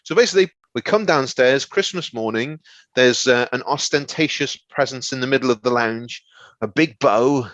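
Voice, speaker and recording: A man's voice: medium pitch, moderate pace, fairly bright tone, dry recording. A man co-hosting a comedy podcast, telling a rambling story and stumbling over words. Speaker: podcast co-host. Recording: slightly dull, lo-fi.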